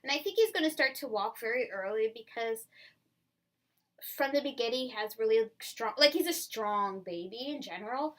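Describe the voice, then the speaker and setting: Woman, first-time mom vlogger; casual, rambling home chat with laughs; bright, slightly high voice. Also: animated, normal speed. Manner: chatty and rambling, often laughing.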